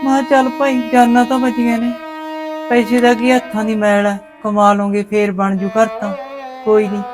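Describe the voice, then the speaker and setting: A woman's voice: on the high side, flat delivery, normal speed, over music, lightly acted. A woman with a Malwai Punjabi accent playing a worried, kindly village mother-in-law who consoles and quotes proverbs. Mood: sorrowful. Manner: grieving, consoling, proverb-quoting. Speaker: actor in a village short film. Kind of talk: village family drama.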